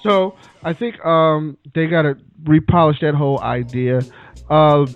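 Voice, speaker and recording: A man's voice: on the high side, steady tone, a little slow, clean tone, no echo. A man hosting a casual chat, recapping events in a laid-back storytelling way. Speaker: podcast host. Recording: muffled lo-fi with faint music.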